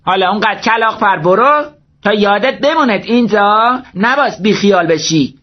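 A man's voice: sits high, animated, voice pushed up. A man voicing a stern young male military guard who barks orders, in a dull lo-fi recording. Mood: barking orders. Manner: barking orders.

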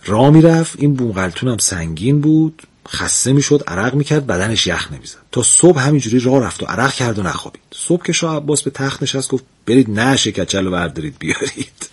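A man telling a humorous folk tale as a lively storyteller who chuckles between scenes. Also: mid-range voice, husky.

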